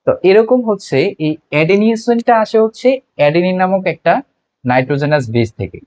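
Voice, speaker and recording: A man's voice: high-pitched, big pitch swings, brisk, a little mellow. A young man with a Bangladeshi Bengali accent giving a biology lecture, explaining step by step and asking and answering his own questions. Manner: constant filler words, frequent restarts. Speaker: biology tutor. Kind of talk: classroom lecture.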